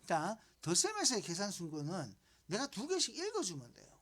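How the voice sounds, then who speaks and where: A woman's voice: mid-range voice, wildly swooping pitch, moderate pace, a bit bright. A woman math teacher giving a lesson, coaxing students along with repeated prompts and questions.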